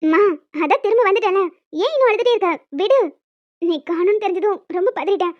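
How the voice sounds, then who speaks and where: A woman voicing several emotional village women and a young daughter in a cartoon, fast and dramatic, scolding and tearful. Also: very high-pitched, expressive, dry recording. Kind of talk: cartoon voice acting. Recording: dull, dry lo-fi recording.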